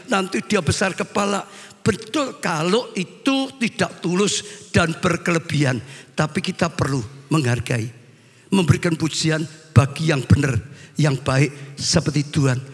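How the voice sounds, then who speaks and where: A male pastor delivers a lively, joking sermon, often speaking straight to his congregation. His voice sits high and has a husky edge. It carries a long reverb from a church hall. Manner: animated and joking, addresses the congregation as "saudara".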